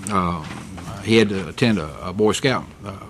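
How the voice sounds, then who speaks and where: A man's voice: sits low, normal speed, slight background noise. A middle-aged man, a county commissioner speaking candidly and rambling a bit in a meeting chamber. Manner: candid, rambling, self-correcting storyteller. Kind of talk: public meeting remarks.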